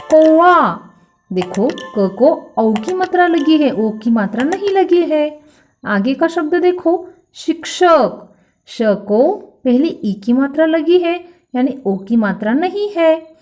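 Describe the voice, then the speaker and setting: Slow high-voiced woman teaching children. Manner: spells words out letter by letter and stresses each word loudly; addresses children directly, asking them to repeat. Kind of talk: slow, clear Hindi grammar lesson for children.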